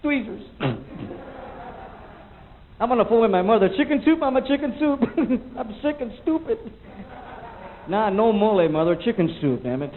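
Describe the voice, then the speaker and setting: A man's voice: sits high, animated, a little slow, long pauses, a little hiss or hum. A man performing a stand-up comedy set, rambling and loose, acting out little sound effects and voices. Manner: rambling, loose delivery, mimics sounds and people. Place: comedy club stage. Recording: lo-fi VHS tape recording.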